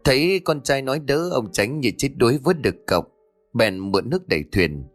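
A man narrating a ghost story in an expressive storytelling manner. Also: mid-range voice, brisk. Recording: dry voice with faint background music.

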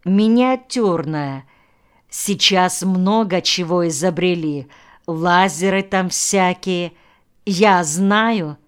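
A woman's voice: fairly low pitch, takes it slowly, smooth. A woman reading the lines of a fussy, suspicious male village official who keeps pressing his point. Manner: insistent, officious.

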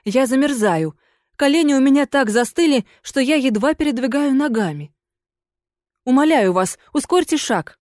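A woman's voice: sits high, animated, moderate pace, darkish tone, dry recording, clean studio sound, voice pushed up. A woman voicing a fearful, pleading female water ghost in an audiobook, in a plaintive, imploring manner. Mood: desperate.

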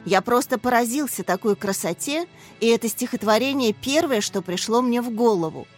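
A woman voicing a thoughtful father who recites poetry slowly and reflectively. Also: fairly high pitch, faint music behind, lightly acted. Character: adult father, thoughtful and admiring.

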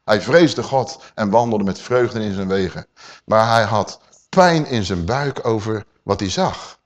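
A man preaching a sermon, dramatic, swinging from loud declaiming to quiet asides and asking his listeners questions. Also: on the low side, lively intonation, a little slow. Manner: addresses listeners with rhetorical questions.

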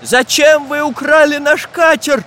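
A man voicing a cheerful iron male craftsman who gives brisk commands. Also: very high voice, a bit bright, slight background noise, pitched above the performer's own voice. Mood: urgent.

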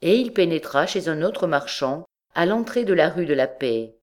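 A woman reading a classic story aloud as an audiobook, in measured narration. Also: low-pitched, expressive, darkish tone. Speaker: audiobook reader.

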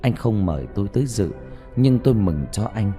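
A man reading a first-person story aloud in a slow, emotive, mournful narration. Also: fairly low pitch, lively intonation. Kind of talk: dramatic audiobook narration. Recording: soft music bed behind.

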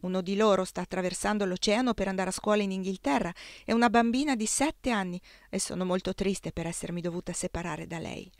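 Brisk widowed governess, resolute, dry close voice, read by a woman. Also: medium pitch, gravelly, no echo, close to an everyday voice. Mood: firm. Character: Anna, firm widowed English governess.

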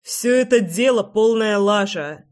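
A reader doing an angry young prince. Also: male voice, high-pitched, a little slow. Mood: heated. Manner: shouting, blunt, swearing.

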